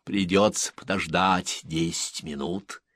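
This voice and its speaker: A man voicing a kindly male alien pilot in whispered role-play, speaking in a soft, polite whisper. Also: low voice, fairly even intonation, slow, no echo, exaggerated voice. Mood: gentle.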